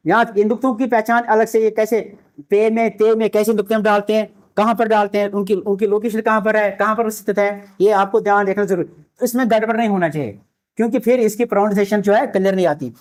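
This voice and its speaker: Male language teacher with a high voice, patient and repetitive, slowly spelling out letters for a classroom lecture. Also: fairly even intonation. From India. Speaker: Urdu teacher.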